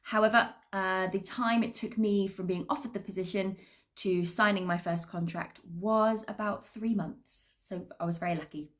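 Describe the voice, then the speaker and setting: A woman's voice: medium pitch, steady tone, normal speed. A British woman talking informally to camera as a cruise entertainer, in an upbeat, chatty and articulate manner. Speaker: assistant cruise director and entertainer. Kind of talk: informal career talk to camera.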